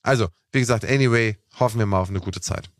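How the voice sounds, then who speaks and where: A man's voice: lowish voice, fast, no echo, clean studio sound. A young man hosting a casual talk show, explaining at length with lots of "ne?" fillers. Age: young adult. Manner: chatty, explanatory, with fillers like "ne?" and "was weiß ich". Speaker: podcast host.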